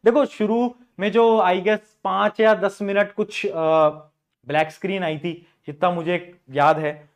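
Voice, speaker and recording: A man's voice: high-pitched, steady tone, slow pace. A man teaching an online class, chatty, repeating phrases and mixing English terms into his talk.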